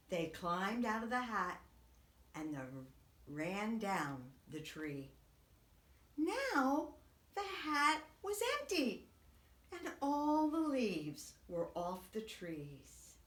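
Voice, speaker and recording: In an echoey room, a woman animatedly reads a story to small children, sounding much like a preschool teacher. Her slow, expressive delivery features bright, highly lively swoops in pitch along with dramatic whispers.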